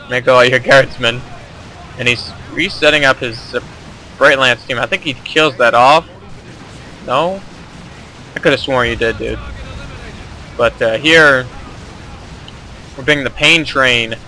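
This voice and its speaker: A young man casually commentates on a replay of his own strategy game, rambling and correcting himself as he goes. His medium-pitched voice sounds pushed and bright, and the audio quality is poor.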